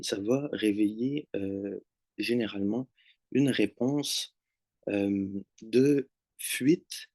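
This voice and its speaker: A man from Montreal with a Québécois French accent, presenting a somatic workshop on a video call and speaking slowly and hesitantly, with many fillers. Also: fairly low pitch, vocal fry, darkish tone, no echo. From Montreal, Quebec. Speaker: massage therapist presenting a retreat workshop. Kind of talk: online presentation.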